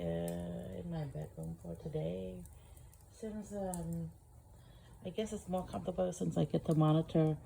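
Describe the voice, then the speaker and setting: Groggy gravel-voiced woman vlogging. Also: low-pitched, a little hiss or hum, low-quality recording. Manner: rambling and hesitant, many fillers, soft chuckles. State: groggy, just woke up. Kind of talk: casual morning vlog. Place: living room, on a couch.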